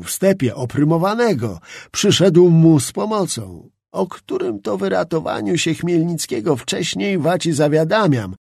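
A man doing a gruff old standard-bearer. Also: a little high, darkish tone, no room sound, studio quality, exaggerated voice. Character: old grumbling male standard-bearer, dry and stern.

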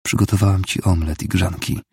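A man reading the part of a grieving, desperate wife who pleads and shouts at her husband. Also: deep voice, fairly even intonation, brisk, creaky, husky, no echo, exaggerated voice. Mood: pleading. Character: desperate grieving wife, middle-aged woman.

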